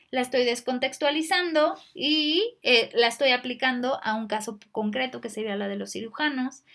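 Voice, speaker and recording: A woman's voice: on the high side, a bit bright. A woman teaching a recorded lecture on logic, explaining step by step with fillers and rhetorical questions.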